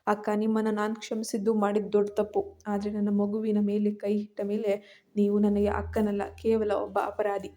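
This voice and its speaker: A woman voicing a calm young pregnant wife who speaks plainly to her sister-in-law. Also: medium pitch, moderate pace, close to an everyday voice. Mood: stern. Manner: gentle, then firm. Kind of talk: audio story character voice.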